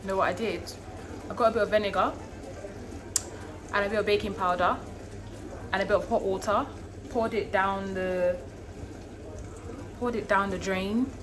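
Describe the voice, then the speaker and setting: Filming herself on a handheld phone in her home kitchen, a young woman talks viewers through a casual, expressive cook-along. Her mid-range voice stays steady at a moderate pace and she pauses often. Background noise and music sit underneath.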